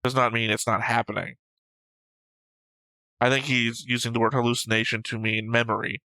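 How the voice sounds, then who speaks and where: An anime reaction show co-host makes his case in a casual analytical discussion, argumentative and matter-of-fact as he breaks down points. His medium-pitched voice is bright and forceful, level in tone at a moderate pace, on a dry, poor-quality recording.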